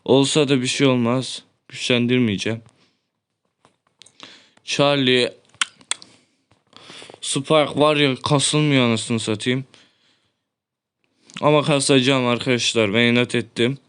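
A young man giving excited, loud gameplay commentary as a gaming YouTuber, swearing often and breaking into shouts. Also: mid-range voice, slow pace, pauses often, clean tone.

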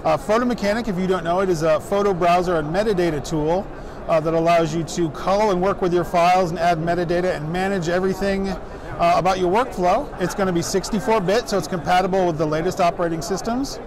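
On a noisy trade show floor, with crowd chatter all around, a middle-aged man pitches his company's photo software from a booth. His voice is high-pitched and fairly even in intonation, and he explains briskly and steadily, dropping in lots of "um" fillers.

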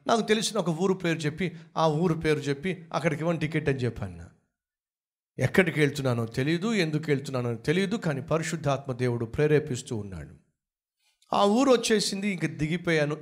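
Dramatic storytelling preacher, man, high-set voice. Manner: dramatic storytelling, acting out quoted dialogue. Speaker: pastor. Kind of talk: sermon. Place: church pulpit.

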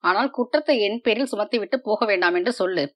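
A woman voicing a proud, wounded young female dancer in a storybook reading, with measured delivery. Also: medium pitch, close to an everyday voice. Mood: bitter.

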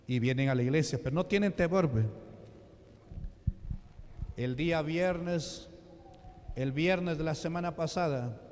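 High-voiced Peruvian man preaching in a hall. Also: a little mellow, slight background noise. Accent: Peruvian Spanish. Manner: slow, emphatic, rhetorical questions, drops to low voice. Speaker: deacon preaching. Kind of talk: sermon. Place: church sanctuary. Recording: reverberant church hall.

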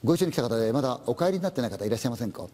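A man voicing a hesitant, overly polite male police officer, speaking in a halting, hushed way. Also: mid-range voice, expressive, close to an everyday voice. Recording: long hall reverb.

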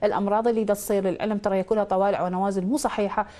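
A woman's voice: mid-range voice, little pitch movement, racing, warm tone. A woman with an Iraqi accent hosting a call-in astrology show. She quizzes a caller with probing questions, then gives confident pronouncements over a studio mic. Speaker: astrologer host.

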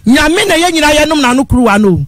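High-pitched, pleading woman caller. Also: animated, quick pace, dry recording. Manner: pleading, insistent, repeatedly addresses the host as father. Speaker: radio call-in caller. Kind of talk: impassioned phone-in complaint.

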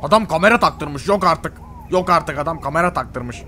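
A man's voice: a little high, lively intonation, moderate pace, sharp tone, a little hiss or hum. A young man role-playing a game story with comic exasperation and lots of exclamations. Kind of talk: comedic game role-play commentary.

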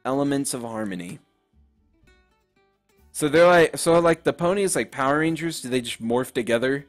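A man's voice: medium pitch, normal speed, faint music behind. Joking man playing a game. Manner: joking, chuckling asides. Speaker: let's play host. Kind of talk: casual game commentary.

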